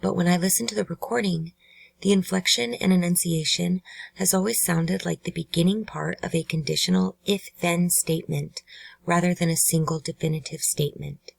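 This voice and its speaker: Husky, creaky woman narrating true crime. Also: fairly low pitch, fairly even intonation, moderate pace, dry recording, low-quality recording. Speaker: true crime channel host. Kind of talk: scripted narration.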